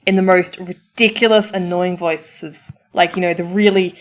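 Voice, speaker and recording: In a comforting roleplay, an audio performer plays a supportive friend, offering the listener a chatty pep talk. Her voice is on the low side, steady in tone and at normal speed, and her manner is informal, theatrical and encouraging.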